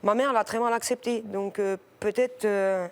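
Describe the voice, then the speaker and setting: A shy woman speaking as a talk show guest, halting and filling her pauses with hesitations. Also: medium pitch, fairly even intonation. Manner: shy, halting, many fillers. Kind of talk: hesitant personal testimony.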